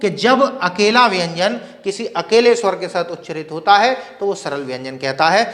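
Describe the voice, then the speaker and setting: A man teaching Hindi grammar in a classroom lecture. He asks questions and answers them himself, and repeats words slowly to show their pronunciation. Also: sits high, a bit bright, big-room sound.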